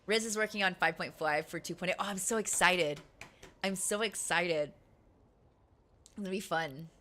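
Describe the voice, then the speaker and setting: A woman game streamer chatting casually with her live audience, giggly and animated, laughing often. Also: fairly low pitch, moderate pace, a little hiss or hum.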